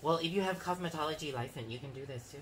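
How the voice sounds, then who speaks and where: A woman's voice: low-pitched, very fast, fairly bright tone. A woman working as a waxing technician, chatting casually and giving a client advice. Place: indoor treatment room. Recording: clear background noise.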